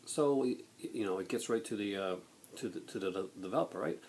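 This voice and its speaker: Low-pitched man ranting, noisy recording. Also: darkish tone. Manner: blunt, exasperated, halting with emphatic bursts. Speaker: video blogger. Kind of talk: opinionated rant to viewers. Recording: noticeable background noise.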